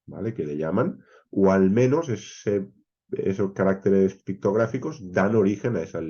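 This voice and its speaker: A man from teaching a Bible class, explaining step by step, with frequent "eh" pauses, often checking in with "¿vale?" and "¿bien?". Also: low-pitched, gravelly, mellow, husky, highs cut off. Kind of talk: expository Bible class lecture.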